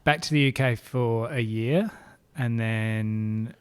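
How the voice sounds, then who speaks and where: A man in his thirties chats as a podcast guest in his own shop, his voice sitting at an ordinary middle pitch. He rambles easily and restarts often, with plenty of "like" and "um". He was born in France and grew up in England, Dubai and New Zealand. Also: slow pace, clean tone. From born in France, raised in England, Dubai and New Zealand. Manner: relaxed, rambling, many fillers and restarts. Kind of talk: casual podcast interview.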